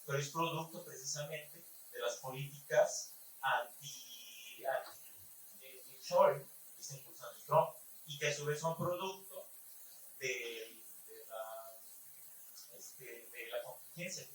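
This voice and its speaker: A man with a Mexican accent giving a formal, measured comment from the audience at a conference. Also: medium pitch. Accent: Mexican Spanish. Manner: formal, measured academic reasoning. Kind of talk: conference question-and-answer comment. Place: conference hall. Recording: very echoey hall, voice far from the mic, faint room noise.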